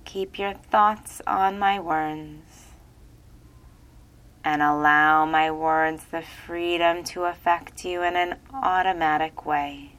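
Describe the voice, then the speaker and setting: A woman reading a guided relaxation hypnosis script in a slow, soothing, repetitive way. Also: low voice, steady tone, fairly bright tone.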